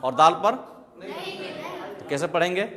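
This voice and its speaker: A man with a fairly high voice teaches students to read the Quran, speaking a little slowly as he patiently drills sounds in call-and-response. It's recorded in an echoey classroom with loud background noise.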